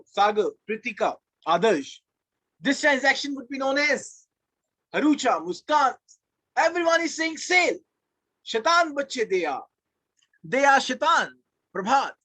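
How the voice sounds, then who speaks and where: A man's voice: very high voice, expressive, unhurried, long pauses, sharp tone, no room sound, poor audio. A man with an Indian accent teaching a live online class, emphatic and repeating key phrases. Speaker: law teacher. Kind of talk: live online lecture to students.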